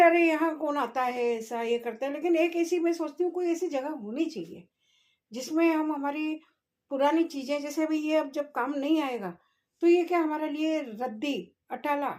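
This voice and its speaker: A woman's voice: high-pitched, dark tone. A woman vlogging at home in a casual chat, talking straight to her viewers and musing aloud. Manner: chatty, talks straight to viewers, muses aloud.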